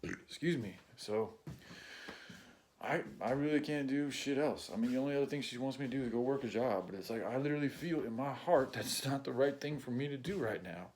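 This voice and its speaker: A man in an unscripted personal rant, blunt and heavily profane, close to tears and often clearing his throat. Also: medium pitch, darkish tone, slight background noise. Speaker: vlogger.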